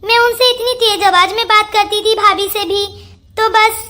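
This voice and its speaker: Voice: very high voice, steady tone, moderate pace, sharp tone. A performer voicing a proud, demanding elder sister-in-law who wheedles for gifts. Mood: wheedling. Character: proud elder sister-in-law, gift-hungry then repentant. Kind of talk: cartoon voice acting.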